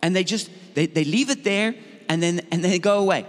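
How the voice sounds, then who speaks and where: A guest preacher with a high voice speaks at a moderate pace in a reverberant church hall. He delivers his sermon in short phrases for an interpreter, recounting a Bible story and acting out the voices of its characters.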